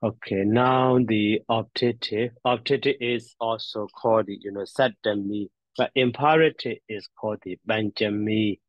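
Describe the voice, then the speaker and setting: Casting: male grammar teacher, low-pitched, very slow and halting, repeats forms aloud, dull lo-fi sound. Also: steady tone. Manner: halting, repetitive, thinking aloud. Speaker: teacher, addressed as a Buddhist monk. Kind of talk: grammar lesson on verb endings, reciting forms. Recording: dull, roomy lo-fi audio.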